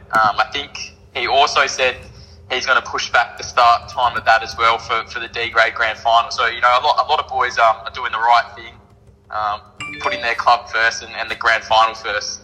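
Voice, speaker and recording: An Australian man answering interview questions as a team captain in casual, cocky, deadpan chat. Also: mid-range voice, normal speed, in a large hall, soft background music, poor audio.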